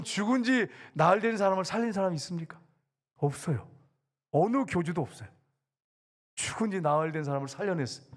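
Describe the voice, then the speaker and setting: A man preaching a sermon as a church pastor, animated, with loud exclamations and quiet asides. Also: sits high. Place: church sanctuary.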